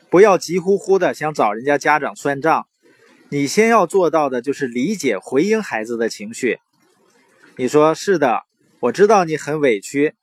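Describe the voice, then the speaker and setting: Earnest man with a husky voice. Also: on the high side, no room sound. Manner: earnest, conversational, fond of drawn-out particles. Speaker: parenting commentator. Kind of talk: informal talk with anecdotes and advice.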